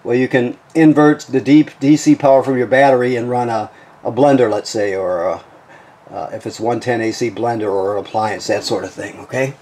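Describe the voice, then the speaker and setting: At a normal speed and in a steady, darkish, mid-range voice, a man walks through a travel trailer and the area around it. Working as an RV walkthrough technician, he gives an informal, instructional rundown of its features, putting things plainly and frequently checking that he's followed.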